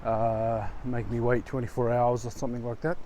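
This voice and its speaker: An Australian man vlogging casually in a halting, unhurried way while walking outdoors in strong wind, with wind on his lavalier mic. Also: medium pitch, level tone, mellow. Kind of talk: casual rambling vlog talk. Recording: wind on mic, gusty noise. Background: blustery wind.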